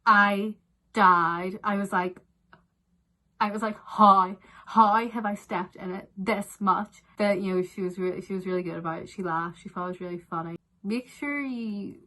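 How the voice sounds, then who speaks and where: A young woman with a Northern Irish accent chatting casually through viewer questions, with lots of fillers. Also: on the low side. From Northern Ireland. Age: young adult. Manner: chatty, animated, frequent "like" and "um" fillers. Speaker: vlogger answering viewer questions. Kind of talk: casual Q&A chat.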